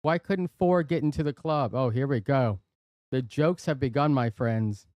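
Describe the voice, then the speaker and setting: A man's voice: mid-range voice, normal speed, no room sound, dull audio. A man hosting a live stream from his workshop, chatting casually and playfully reading out viewer jokes. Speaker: livestream host. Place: workshop and studio.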